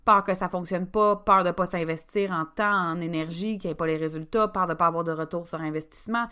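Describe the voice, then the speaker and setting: A woman's voice: on the low side, fairly even intonation, brisk, pushed and bright, clean tone. A woman with a Québécois accent hosting a casual business podcast, chatty and emphatic, talking straight to her listeners. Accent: Québécois French. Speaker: podcast host, business coach.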